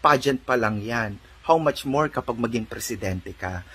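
A Filipino man with a middle-pitched voice chats through celebrity gossip in a teasing, conversational vlog. He slips English phrases into his talk and keeps it light. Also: animated, moderate pace, fairly bright tone, breathy edge. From Philippines. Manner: chatty, teasing, mixes English into Tagalog. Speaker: vlogger. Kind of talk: gossip commentary.

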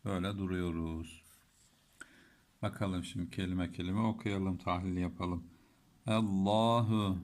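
A man with a Turkish accent teaching Quran recitation rules in a patient lesson. He chants verses slowly and breaks words apart to explain them. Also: on the low side, darkish tone.

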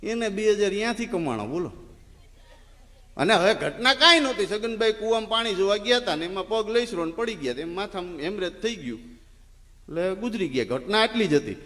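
A male folk comedian, telling an animated comic story on stage and acting out villagers' voices. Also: sits high, normal speed, in a large hall.

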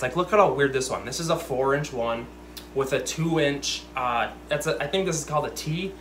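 In his indoor fish room full of lit tanks, a young aquarium host chats loosely on a livestream, reading comments and veering into ranty, self-aware tangents. A close desk camera captures his slightly high, fairly bright voice along with a little hiss or hum.

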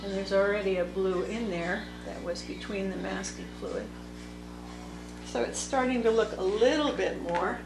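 A woman teaching watercolor, thinking aloud slowly as she paints at a table. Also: mid-range voice. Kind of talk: unscripted painting tutorial narration. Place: indoor table workspace. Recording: echoey room with background music. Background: soft instrumental music.

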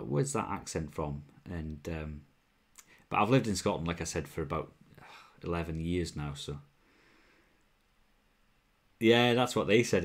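Sitting in a small home room with bottles on the shelf at his back, this whisky livestream host keeps the chat casual, answering comments as they pop up. He's a young Welshman with a mild accent and a deep, low voice, and he uses a wired earphone mic.

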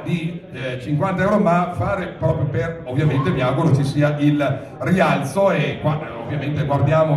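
Middle-aged man, event host and auctioneer, higher-pitched voice, halting improvised delivery, slightly distant microphone sound, crowd murmur. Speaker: master of ceremonies and charity auctioneer. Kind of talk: live event hosting and auctioneering. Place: crowded restaurant dining hall, indoors. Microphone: handheld microphone over speakers, recorded by audience camera. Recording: roomy hall PA, distant, audience chatter.

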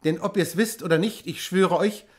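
A man's voice: high-pitched, moderate pace, close to an everyday voice. An earnest, devout abbot in his fifties, as an audiobook reader puts him on, pressing his questions in a slightly raised voice. He speaks with clerical authority that tips into urgency. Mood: urgent. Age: 50s. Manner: questioning, then urgent and excited. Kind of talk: audiobook reading.

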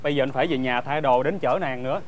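A young man in a comedy sketch, rushed and bossy, urging others to hurry. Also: medium pitch, background noise.

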